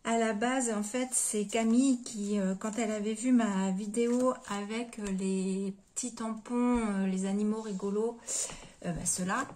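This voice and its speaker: Slow-talking gushing woman. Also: mid-range voice, fairly even intonation, a little hiss or hum. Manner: gushing, repeats praise, drops to soft whispers. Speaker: craft vlogger. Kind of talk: casual show-and-tell chat.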